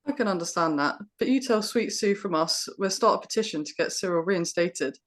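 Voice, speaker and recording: A woman's voice: on the low side, lively intonation, fairly quick, close to an everyday voice. A young woman playing a prim, forthright student in an audio drama. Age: young adult. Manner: prim, direct.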